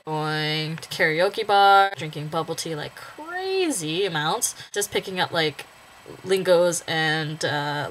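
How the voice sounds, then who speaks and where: A woman's voice: on the low side, bright, forceful tone, a little hiss or hum, poor audio. A woman in her twenties talking casually to camera in a vlog, jokey and full of "like" fillers. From Washington State, USA. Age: 20s. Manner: chatty, jokey, lots of "like" fillers, swings into silly character voices. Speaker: vlogger.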